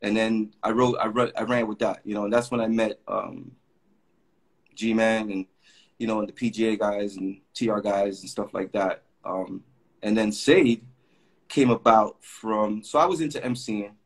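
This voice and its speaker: Over a webcam video call, a middle-aged man from Puerto Rico who does graffiti shares long, meandering stories with lots of fillers. He talks at a moderate pace with a fairly low pitch and fairly even intonation.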